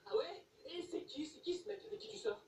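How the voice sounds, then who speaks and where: A woman's voice: very high-pitched, brisk, darkish tone. A woman voicing a defensive, jealous teenage boyfriend in an amateur dub. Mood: indignant. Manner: indignant, defensive. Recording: echoey room, distant mic, noisy.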